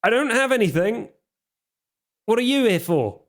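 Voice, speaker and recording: A man's voice: big pitch swings, moderate pace. A man voicing a nervous mummified man who answers in a raised, frantic voice. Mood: jittery. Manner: high, frantic and defensive.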